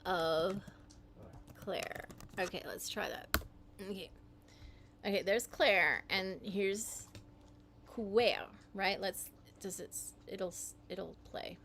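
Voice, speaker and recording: A woman hosting a livestream, talking in a meandering, halting way, often correcting herself as she types. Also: medium pitch, creaky, a bit bright, slight background noise. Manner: typing while talking. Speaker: livestream host. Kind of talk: rambling livestream monologue.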